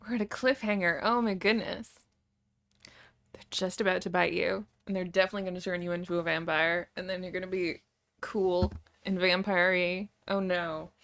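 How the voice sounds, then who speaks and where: Young woman reading a story out loud w sarcastic comments, low gravelly voice. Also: fairly even intonation, moderate pace. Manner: wry, sarcastic asides. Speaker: YouTuber.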